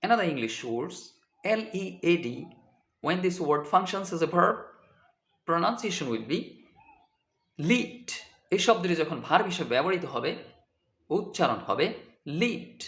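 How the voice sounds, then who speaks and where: Man as English tutor, high lively voice, very slow and deliberate, echoey room. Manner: spells words letter by letter and translates each line. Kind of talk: slow deliberate vocabulary lesson.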